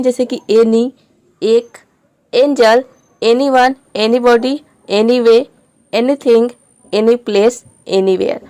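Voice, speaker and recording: Patient woman teacher, pitched a little high, dry and close, repeats every example word. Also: a little mellow, no echo. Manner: patient, explains step by step and repeats words. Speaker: English pronunciation teacher. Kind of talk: classroom-style video lesson.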